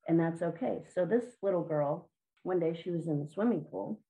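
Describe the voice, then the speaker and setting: A woman's voice: lowish voice, normal speed, mellow, poor audio. A woman answering interview questions as a children's mindset coach, earnest and encouraging, sometimes repeating words.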